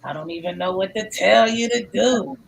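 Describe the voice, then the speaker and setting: A woman's voice: medium pitch, gravelly, a little hiss or hum, rough recording. A woman hosting a casual podcast over an online call, talking in a loose, chatty way and often saying "you know what I'm saying". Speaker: podcast host.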